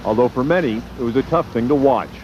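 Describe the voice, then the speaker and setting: A man's voice: mid-range voice, fast. A man reporting live for television news from outdoors, in a field reporter's narrating style. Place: outdoors on a street at a fire scene. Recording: muffled lo-fi TV audio, clear outdoor vehicle noise.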